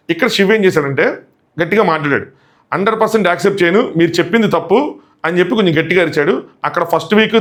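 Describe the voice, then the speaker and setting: A man giving a casual commentary recap as a show reviewer, retelling fast and acting out quotes. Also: on the high side, a bit bright.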